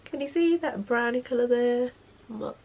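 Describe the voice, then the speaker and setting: Perched on her bed, a sniffly twenty-something woman who vlogs about makeup chats her way through a tutorial, slipping in "obviously" again and again. Her voice sits on the high side and is creaky, at a moderate pace. The recording sounds muffled, with slight background noise.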